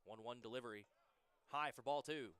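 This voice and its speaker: A young man in his twenties calling a college baseball game live on radio, giving brisk pitch-by-pitch calls that lift on big plays. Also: fairly bright tone, smooth. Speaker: play-by-play announcer.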